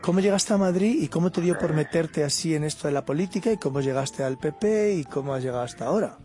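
A pastor hosts a radio interview, encouraging his guest along. His voice sits fairly high for a man. Soft music plays underneath. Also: fast talker.

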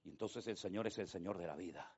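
A man preaching a sermon, telling the story with hushed and loud turns. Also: low-pitched, fast, slightly rough. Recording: dull lo-fi sound.

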